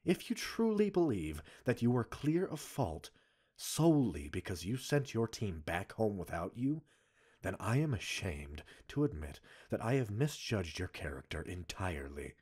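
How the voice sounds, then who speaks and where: In a scripted ASMR roleplay, a male actor plays a stern, cold commander who scolds a subordinate with formal, measured phrasing. His deep, raspy voice swings widely in pitch, shifting between low restraint and forceful emphasis, all carrying controlled anger.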